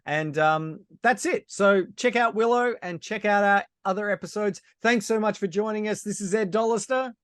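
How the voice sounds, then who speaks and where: Agreeable male co-host, slightly higher voice. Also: moderate pace, few pauses, a bit bright, clear, resonant tone, no echo. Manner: agreeable, steering the talk along. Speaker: podcast co-host. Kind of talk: casual film-review chat.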